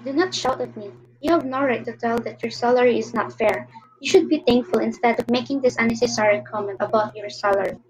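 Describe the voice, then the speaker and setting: A woman's voice: on the high side, brisk, a little mellow, lightly acted. A curt, stingy boss, played by a woman. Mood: cold. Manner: curt, dismissive. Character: cold, stingy female boss. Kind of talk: amateur audio drama acting. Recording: dull lo-fi recording.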